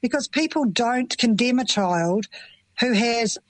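A woman's voice: a little high, lively intonation, a little slow, no echo, low-quality recording. Impassioned New Zealand mother, dry sound. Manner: earnest, impassioned, plain-spoken. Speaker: parent of children with FASD. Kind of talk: emotional interview answers.

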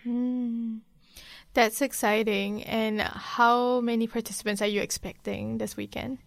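New woman host, higher voice, hesitant with lots of fillers, dry close sound. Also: flat delivery, measured pace, vocal fry, dry recording. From Malaysia. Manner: warm, hesitant, many "like" and "um" fillers. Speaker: interview host. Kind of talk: casual interview.

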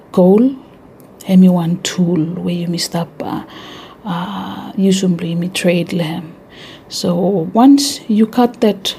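A woman's voice: medium pitch, mellow, breathy edge. A woman with a Vanuatu accent hosting an informal educational radio talk in Melanesian pidgin mixed with English. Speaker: radio show host.

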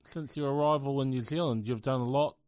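A man hosting a community radio interview, asking gentle questions with many fillers and laughing often. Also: medium pitch, fairly even intonation, fairly quick, clean tone, dry recording.

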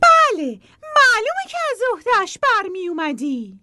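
A woman voicing a cheerful, encouraging little bee in a storybook, talking in quick, reassuring bursts. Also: very high voice, big pitch swings, very noisy. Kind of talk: storybook voice acting.

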